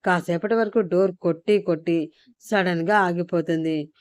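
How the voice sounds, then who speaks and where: A woman storyteller reading a serial story in a steady, dramatic way. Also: on the low side, moderate pace, dry recording, studio quality.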